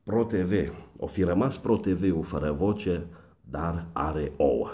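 A man with a very deep voice runs through a satirical monologue. He mocks his targets with dry sarcasm and wordplay. He talks to camera like a regular online commentator. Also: lively intonation, dark tone. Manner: mocking, sarcastic, punning.

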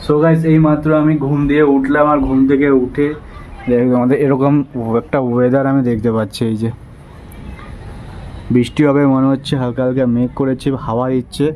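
A man's voice: medium pitch, little pitch movement, brisk, dark tone, a little hiss or hum. A young man from Bengal chatting casually to his viewers in a daily vlog. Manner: chatty, addresses viewers directly. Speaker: vlogger.

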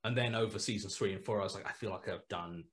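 A deep-voiced man in his thirties talks quickly over a headset on a video call from a small room at home. He created a podcast and is a writer appearing as a guest in a casual interview, rambling, restarting sentences often and trailing off into asides.

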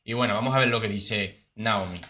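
A man's voice: fairly low pitch, brisk, pushed and bright, a little hiss or hum. A man giving chatty commentary on reality-show clips, with many fillers and repeats. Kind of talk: casual commentary.

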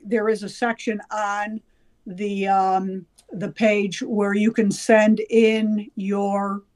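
A woman guest on a podcast, talking in an unhurried, hesitant way with frequent ums. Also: medium pitch, a little mellow. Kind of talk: casual podcast chat.

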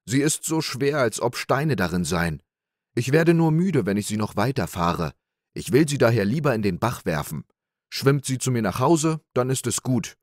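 A man's voice: on the low side, very animated, normal speed, dry recording, studio quality. A man voicing a sly, cheerful young peasant trickster in an audiobook fairy tale, in an eager, persuasive manner.

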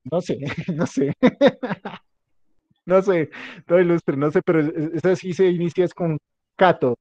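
A male teacher with a fairly high yet darkish-toned voice takes his time through an informal class, joking, restating points, and often checking in to see if students follow. The recording is dry and muffled.

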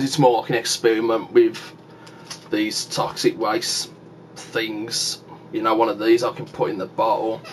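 A medium-pitched man vlogs casually with a mouthful of sour candy, rambling to his viewers through a handheld camera. He's chatty and keeps calling them "guys," and there's slight background noise.

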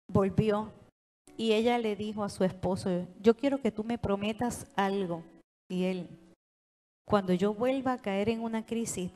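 Puerto Rican woman preacher, fairly high voice, lively call-and-response sermon, long church reverb. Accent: Puerto Rican Spanish. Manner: animated, call-and-response with the congregation. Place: church sanctuary.

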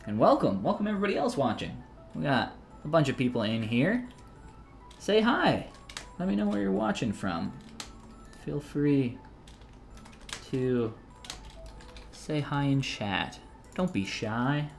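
A man's voice: a little high, very animated, unhurried, gravelly, pauses often, soft background music. A man in his thirties, talking casually and joking while he teaches 3D sculpting on a live stream, reading chat messages aloud between steps.

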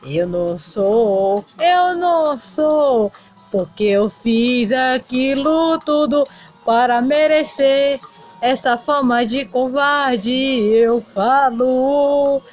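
A woman's voice: high voice, drawn-out words, a little mellow, highs cut off, faint music behind. A woman voicing a heartbroken male doll singer in a toy play video, melodramatic and sing-song. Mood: lovesick lament.

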